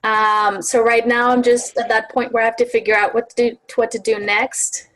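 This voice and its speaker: A young woman from Colombia gives a quick, friendly introduction on a video call. Her voice sits a little high. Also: level tone, fairly bright tone, rough recording. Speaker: percussionist. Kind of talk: casual self-introduction.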